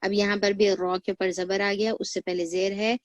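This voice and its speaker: Woman teacher, patient recitation lesson, slow repeated words, dry close sound. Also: medium pitch, little pitch movement, no echo. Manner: patient, repeats words slowly for learners to copy.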